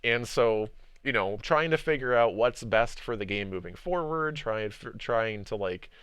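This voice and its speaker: Smooth-voiced man rambling on stream. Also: mid-range voice, a little slow, no echo. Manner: rambling, repeats words, many fillers; animated when making a point. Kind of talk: casual livestream game discussion.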